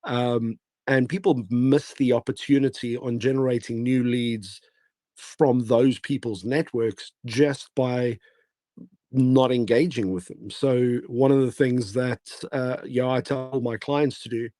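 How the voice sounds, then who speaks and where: A man with a hoarse, failing voice giving casual, rambling advice as a guest in a live online audio room, with many fillers and restarts. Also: medium pitch, steady tone, measured pace, dark tone, dry recording. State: hoarse, losing his voice. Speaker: guest speaker.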